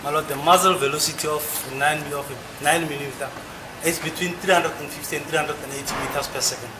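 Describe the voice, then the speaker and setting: A man testifying as an expert witness under cross examination, explaining technical points in a formal, measured way. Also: a little high, steady tone. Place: courtroom. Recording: echoey, noisy courtroom recording.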